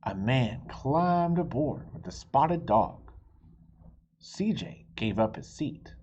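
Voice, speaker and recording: Male picture-book reader, slow and animated, expressive with dramatic pauses; slightly muffled, noisy home recording. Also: medium pitch. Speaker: storybook reader. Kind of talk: expressive children's picture-book read-aloud.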